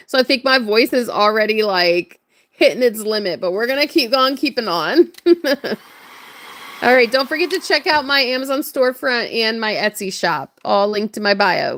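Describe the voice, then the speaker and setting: A woman with a hoarse, worn, slightly high and fairly bright voice chats casually and greets viewers while crafting on a livestream. She's a crafter and shop owner, chatty and upbeat, laughing often even though her voice is strained from hours of talking.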